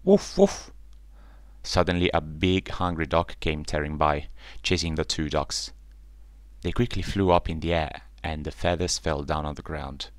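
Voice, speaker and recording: A man reading a children's bedtime story aloud in a gentle, unhurried way. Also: rumbling low, steady tone, dry recording.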